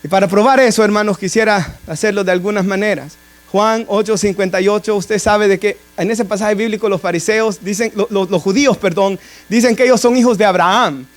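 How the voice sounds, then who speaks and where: A man's voice: sits high, fairly even intonation, fairly quick. A man preaching a conversational sermon in a church, often turning to address the congregation as brothers and adding asides.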